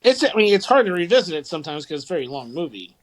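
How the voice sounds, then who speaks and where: A man's voice: fairly high pitch, very animated, racing, poor audio. Chatty rambling man in his forties. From St. Louis area, Midwest US. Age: 40s. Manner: rambling, many restarts and fillers. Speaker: podcast co-host. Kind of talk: casual chat.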